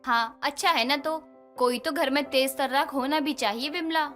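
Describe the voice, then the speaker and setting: A woman voicing a quiet, worried middle-aged mother-in-law who scolds gently. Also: high voice, moderate pace. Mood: fretful. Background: background music.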